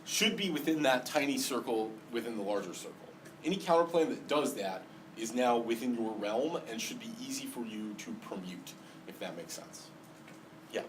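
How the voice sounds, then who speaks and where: A man with a slight lisp gives an explanatory classroom lecture, often pausing with ums and restarting sentences. He sounds set back from the microphone, and a faint background hiss stays under his voice. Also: mid-range voice, lively intonation, fairly bright tone. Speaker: debate lecturer. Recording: distant mic, faint background noise.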